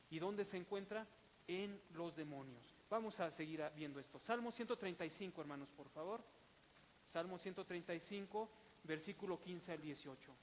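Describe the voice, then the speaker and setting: A male pastor preaches in a fairly high voice, animated and breaking into laughter through his stories. His voice rings with a long church-hall echo, and a faint hiss sits under the recording. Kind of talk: sermon with personal storytelling. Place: church sanctuary.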